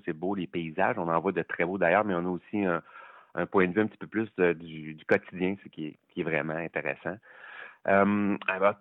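A man with a Québécois accent reviewing documentaries in casual podcast chat, enthusiastic and halting with many fillers. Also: low-pitched, no room sound. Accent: Québécois French. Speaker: film critic guest. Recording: tinny phone-like line, dry.

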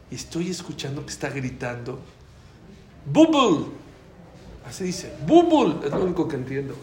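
A man with a Mexican accent telling a story in a talk, acting out the dialogue with lively changes of voice. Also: a little high, a little hiss or hum. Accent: Mexican Spanish. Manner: animated, acts out quoted dialogue. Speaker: speaker giving a talk. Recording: echoey room.

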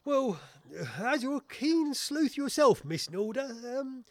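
In a scripted audio comedy, a man uses an extremely high-pitched full character voice with big pitch swings, speaking slowly. He plays an exasperated, self-important Victorian police inspector who stammers and grows indignant.

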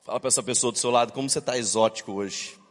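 A man's voice: medium pitch, racing, in a large hall. A man preaching a sermon to his congregation, telling stories and acting out the voices of the people in them, with jokes along the way. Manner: storytelling, acts out quoted voices. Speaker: pastor. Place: church.

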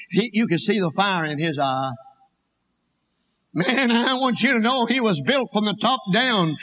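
A high-pitched male preacher with an Appalachian accent delivers a personal testimony. He tells it like a folksy porch story, dramatizing both sides of every exchange. There is some faint noise behind his voice. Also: fairly bright tone. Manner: folksy, dramatic retelling with acted-out dialogue. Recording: noticeable background noise.

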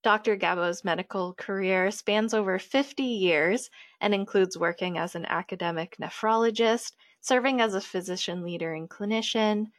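A woman's voice: medium pitch, dry recording, studio quality. A woman hosting a podcast, reading a scripted introduction and interviewing her guest in an upbeat, enthusiastic manner. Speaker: podcast host, editor.

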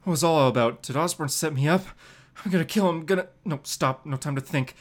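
A man's voice: on the high side, brisk, natural voice. A man playing a young wisecracking superhero under pressure in a comic-book reading, with clipped, urgent delivery and sarcastic quips. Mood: desperate, planning.

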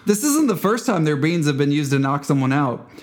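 A man's voice: on the high side, very animated, fairly quick. A man co-hosting a comedy news podcast, bantering in a playful, casual way. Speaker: podcast co-host.

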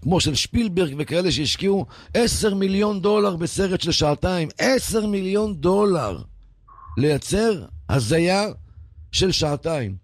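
A man giving an animated religious talk on radio, telling stories with emphatic repetition. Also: high voice, no room sound. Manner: animated, emphatic, repeats for stress. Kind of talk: preaching talk with storytelling.

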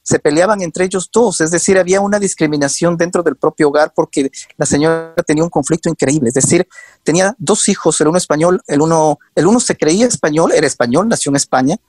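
A man's voice: a little high, fast, a little mellow, no room sound. A man guest telling earnest stories in an interview, with frequent hesitations and restarts. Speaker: guest, documentary show maker. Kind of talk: conversational storytelling.

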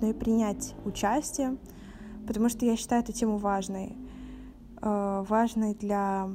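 An eighteen-year-old woman from Russia hosting a podcast, speaking in a calm, measured, earnest way. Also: fairly high pitch, a little hiss or hum. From Novorossiysk, Russia. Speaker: podcast host. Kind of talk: podcast talk.

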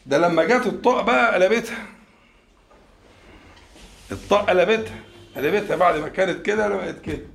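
High-voiced Egyptian teacher, echoey room. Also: male voice, vocal fry, fairly bright tone. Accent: Egyptian Arabic. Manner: quizzes the class, slows down to stress key words. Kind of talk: classroom lecture on scripture.

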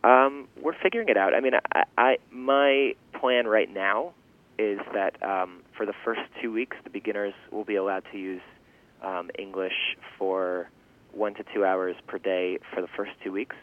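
A man in his twenties giving a casual interview, halting and thinking aloud as he goes, often restarting phrases. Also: fairly low pitch, steady tone. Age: 20s. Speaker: interview guest, farm founder and language teacher. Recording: thin phone-like radio interview sound.

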